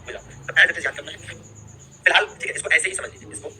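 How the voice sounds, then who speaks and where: A man's voice: fairly high pitch, very fast, bright, forceful tone, slight background noise. A young man teaching a history class, repeating key terms and checking in with students after every point. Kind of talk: live online class lecture.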